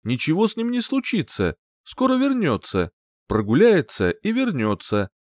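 A man playing a defensive, fearful partner who mumbles excuses in a raised, anxious voice in a dry, close audiobook read. He tries to placate and backs down fast. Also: on the high side, wildly swooping pitch, no room sound, voice pushed up. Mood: dismissive. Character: timid, cowed man, the mother's partner. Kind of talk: audiobook character voice.

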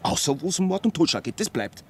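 Haunted writer, restless swinging pitch. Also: male voice, very animated, slight background noise. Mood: fearful, paranoid. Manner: agitated, brooding, halting repetitions and muttering. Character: haunted, fearful male writer, anxious and bitter. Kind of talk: radio play acting.

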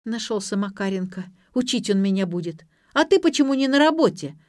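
A woman reading an audiobook, voicing a sharp-tongued young female student with mocking, quick retorts. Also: mid-range voice, expressive, no echo, clean studio sound, lightly acted. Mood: sarcastic.

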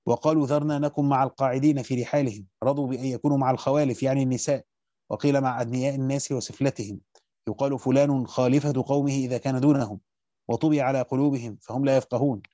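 A man reads a classical scripture commentary to his students at a brisk steady clip, slowing now and then to stress a word. His tone is mellow and dark, and the recording is dry and close. The sound is slightly dull, lo-fi. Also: mid-range voice, dry recording. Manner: rapid steady recitation, slows to stress key words. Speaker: teacher reading a Quran commentary aloud. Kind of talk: fast scholarly reading of a classical text with brief comments.

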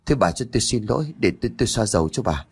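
A man's voice: lowish voice, animated, very fast, darkish tone, breathy edge, exaggerated voice. A man voicing a frightened, blustering middle-aged husband who stammers in a fluster.

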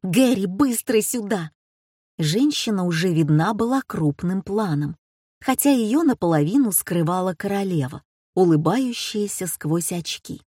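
A woman narrates an audiobook in a calm, measured storytelling voice. Her tone is husky and breathy, set in a dry, close recording with no room sound. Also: lowish voice, no room sound.

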